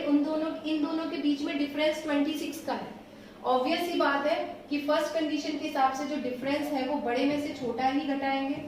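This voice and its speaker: High-pitched lady math teacher walking thru problems, patient, echoey room, sounds a bit far from the mic. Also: a little hiss or hum. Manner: patient, reassuring, slows down while writing. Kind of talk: explaining math solutions step by step.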